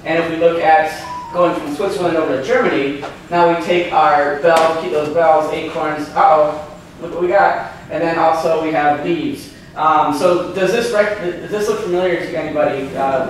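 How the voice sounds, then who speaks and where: Man in his 30s, casual seminar presenter, slightly high voice, heard from a distance in a reverberant meeting room. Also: steady tone, moderate pace, slight background noise. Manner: chatty, many ums and restarts, asks audience questions. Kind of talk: informal lecture with slides. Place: hotel meeting room, indoors. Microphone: far camera, no handheld mic. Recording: echoey room from far off.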